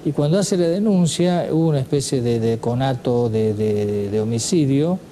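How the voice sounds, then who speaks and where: A man's voice: mid-range voice, animated, moderate pace, dark tone, slight background noise, rough recording. A man, an expert guest on a talk show, analyzing a case with hesitant speech and frequent fillers. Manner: hesitant, with fillers like este and digamos. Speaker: psychiatrist guest.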